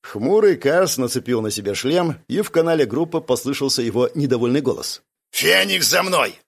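A man's voice: medium pitch, animated, fairly quick, a little mellow. A man reading a first-person audiobook in a dry, matter-of-fact way. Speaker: audiobook narrator. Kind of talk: first-person scripted narration.

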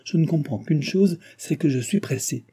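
A man's voice: a little high, lively intonation, moderate pace, dark tone, husky, voice pushed up. Man doing a haughty hot-tempered young vicomte. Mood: impatient. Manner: arrogant, imperious, raised voice. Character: haughty impatient young nobleman, quick-tempered.

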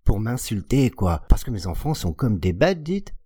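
A man reading an audiobook and voicing a robust, hateful peasant woman of about forty who whines in a strained high falsetto and flares into furious shouting. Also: a little slow, slightly rough, dry recording, clean studio sound. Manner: whining, hypocritical, turning to furious shouting.

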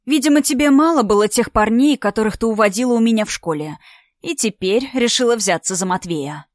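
Reading part of a storybook, a woman voices a spiteful woman in her thirties who is about to marry, taunting and mocking in a raised, sarcastic, theatrical tone. Her own voice is fairly high and fairly quick, close to her everyday sound, captured in a clean studio with no echo.

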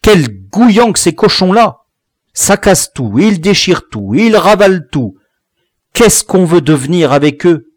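A man's voice: sits high, big pitch swings, a little slow, dry recording, studio quality, pitched above the performer's own voice, full character voice. A man voicing an exasperated rural mother who scolds and laments about her son. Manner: complaining, exasperated.

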